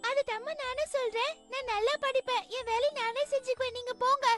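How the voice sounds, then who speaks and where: A woman's voice: extremely high pitch, fairly even intonation, fairly quick. A woman voicing a stubborn little cartoon girl who whines, complains and talks back defiantly. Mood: sulky. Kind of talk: animated cartoon dub acting. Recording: loud background cartoon music.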